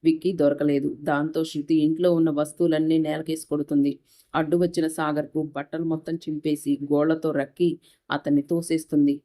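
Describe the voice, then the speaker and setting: A woman narrating a moral story in a steady, even reading voice. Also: low voice, brisk.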